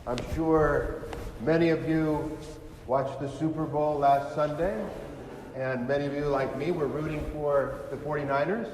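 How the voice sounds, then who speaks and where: Californian deacon, fairly high voice, homily recorded in a reverberant church with faint ambience. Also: male voice, fairly even intonation, a little slow, darkish tone, a little hiss or hum. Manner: conversational, asks rhetorical questions. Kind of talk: Sunday homily. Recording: echoey church with long reverb.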